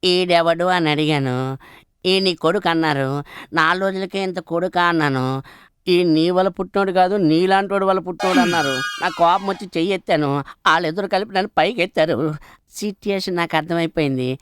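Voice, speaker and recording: Rueful, henpecked clerk. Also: male voice, sits high, a little fast, fairly bright tone, smooth, no echo, clean studio sound. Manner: rueful storytelling. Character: henpecked office clerk telling his sorry tale.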